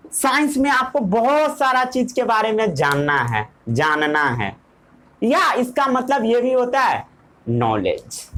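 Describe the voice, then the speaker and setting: Slow, lively-voiced woman teaching science. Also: fairly high pitch, low-quality recording. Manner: asks the class questions and repeats key words slowly. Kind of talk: classroom science lesson.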